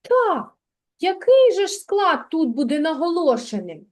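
A woman teaching a young child to read in a kindergarten lesson, speaking slowly and patiently with lots of praise. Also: very high-pitched, sing-song, darkish tone. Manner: slow, patient, praising, sing-song. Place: kindergarten classroom.

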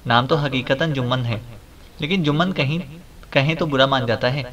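A man's voice: medium pitch, a bit bright, far from the mic, dull audio, lightly acted. A man doing a cocky flippant young heir. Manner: dry, offhand, mocking.

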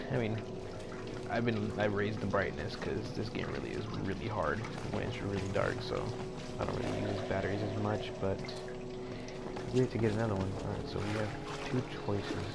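A man's voice: fairly low pitch, steady tone, moderate pace, creaky, loud music behind the voice. A man doing casual, joking, sweary commentary as a scared horror game streamer. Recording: loud background game ambience noise. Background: horror game ambience.

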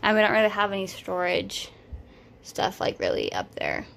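A woman in her twenties vlogs a casual tour of her small apartment, holding her phone camera and chatting loosely with lots of fillers. Her mid-range voice is creaky and fairly bright, swings widely in pitch, and moves at a moderate pace. There's a faint hiss or hum on the recording.

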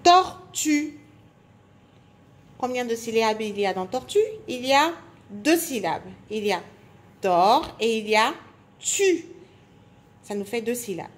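A woman teacher giving a phonics lesson to young children, speaking slowly and clearly articulating, stretching out sounds and syllables. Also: fairly high pitch, animated. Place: indoors at a table.

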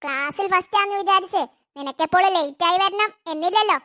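A woman's voice: very high voice, quick pace, bright, forceful tone. Woman voicing a stern cartoon school principal. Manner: stern, reprimanding. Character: strict female school principal.

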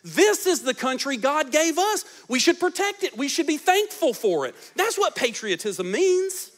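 Very animated at a moderate pace, this pastor in his forties preaches from a large church stage into a handheld mic. He alternates between loud, emphatic delivery and soft, low moments.

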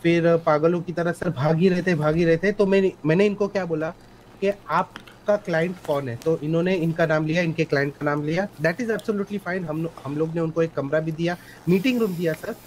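A man's voice: on the high side, normal speed, slight background noise, rough recording. A man playing a police officer in a role-play court hearing, testifying politely but insistently and mixing English phrases into his Hindi, over a headset.

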